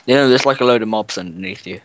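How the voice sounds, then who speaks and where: A young man co-hosting a gaming video, chatting casually and barking quick orders. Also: fairly low pitch. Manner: excitable, quick bursts of orders. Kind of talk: casual gameplay chat.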